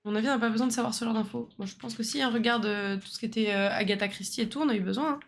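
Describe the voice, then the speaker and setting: Higher-voiced woman streamer thinking aloud. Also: rapid-fire, a little hiss or hum. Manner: thinking aloud, bickering with a co-player. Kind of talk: casual puzzle game chat.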